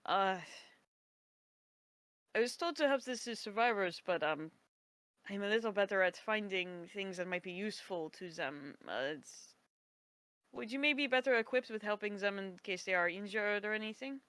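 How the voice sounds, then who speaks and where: A woman playing a tabletop role-playing game, speaking casually in character, tentative and halting. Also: mid-range voice, expressive, fairly bright tone, no echo.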